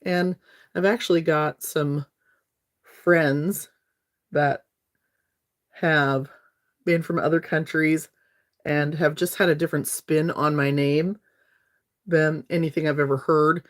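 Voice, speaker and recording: Low-voiced woman chatting on a livestream. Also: fairly even intonation, slow, long pauses. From North Alabama, USA. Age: 50s. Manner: chatty and friendly, talking straight to viewers. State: slight lingering cough. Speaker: makeup livestream host. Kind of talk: casual livestream chat while doing makeup.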